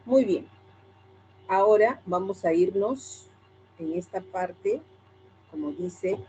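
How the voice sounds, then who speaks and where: A woman's voice: lowish voice, warm tone, a little hiss or hum, low-quality recording. A woman teacher with a Peruvian Spanish accent, lecturing a class and asking herself questions that she answers straight away. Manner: asks and answers her own questions.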